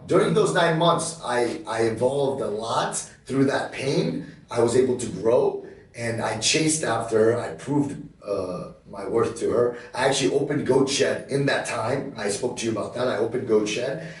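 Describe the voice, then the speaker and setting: Mma gym guy chatting on a podcast, earnest, repeats stuff, sounds a bit far off in a roomy space. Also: medium pitch. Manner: earnest, emphatic, repeats himself. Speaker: MMA gym owner and coach. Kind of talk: casual podcast conversation.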